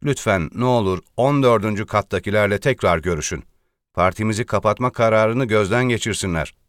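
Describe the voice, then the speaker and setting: A man's voice: on the low side, a little fast, no echo, clean studio sound, close to an everyday voice. A man voicing an anxious male party deputy in a read-aloud satirical column, pleading and earnest.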